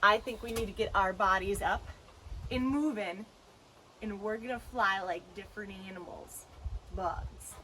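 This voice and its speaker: A woman's voice: medium pitch, unhurried, bright, forceful tone, a little hiss or hum, low-quality recording. A woman hosting a children's lesson, talking playfully and directly to the kids watching. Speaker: children's educator and show host.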